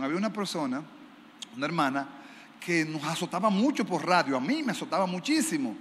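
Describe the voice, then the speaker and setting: A man's voice: high voice, a bit bright. A man preaching a sermon as pastor, telling a story and acting out the dialogue with animation. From Dominican Republic. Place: large church sanctuary. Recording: reverberant church hall, faint noise.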